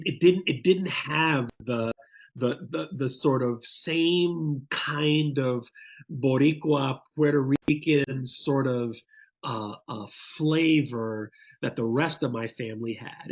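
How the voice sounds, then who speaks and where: His mid-range voice comes through with lo-fi sound. A podcast guest from the Bronx, New York, he answers interview questions thoughtfully, often restarting sentences and using fillers.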